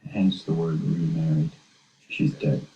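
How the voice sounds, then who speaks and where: A man's voice: a bass voice, little pitch movement, a little slow, warm tone, a little hiss or hum. A cocky young Boston guy. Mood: sarcastic. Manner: sarcastic, swearing. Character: cocky, profane young man in therapy. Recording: dull, roomy film soundtrack.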